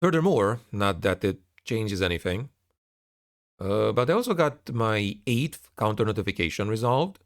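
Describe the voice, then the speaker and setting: A man's voice: lowish voice, very animated, normal speed, no room sound, clean studio sound. A man giving a candid spoken update to his viewers, talking in a frustrated, sardonic way as an online creator. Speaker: online narrator and content creator.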